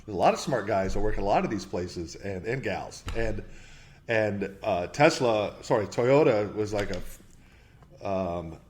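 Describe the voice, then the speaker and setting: A man with a fairly low voice explains his views as a podcast guest. He speaks in animated bursts, restarting sentences and thinking aloud as he goes. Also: a little slow, a little hiss or hum. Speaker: investment manager guest. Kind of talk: podcast interview.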